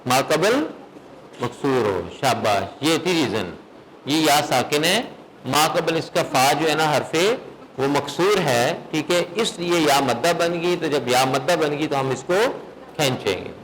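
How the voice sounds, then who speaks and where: Guy teaching a recitation class, quizzes students, kinda high voice, faint hiss behind. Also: lively intonation, fairly bright tone, rough recording. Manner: questions students, then chants verses in slow melodic recitation. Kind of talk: classroom lesson.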